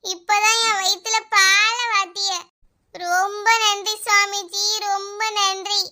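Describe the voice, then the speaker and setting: A woman doing a squeaky gullible village mother. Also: flat delivery, slow pace, sharp tone, full character voice. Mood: pleading. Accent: Kanyakumari Tamil.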